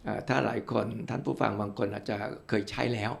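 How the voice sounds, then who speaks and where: A man's voice: on the low side, steady tone, quick pace, gravelly. An older male physician from Thailand, a guest in an interview, explaining with worked examples and politely addressing the listeners.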